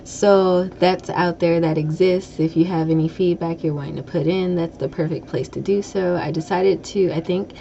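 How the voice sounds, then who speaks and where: A woman's voice: lowish voice, fairly even intonation, normal speed, vocal fry, few pauses, warm tone. Chatty woman with a slight lisp. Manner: rambling, chatty, self-correcting with laughs. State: slight lisp from a broken tooth. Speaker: podcast host. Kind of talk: casual chat. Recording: dull lo-fi audio with faint noise.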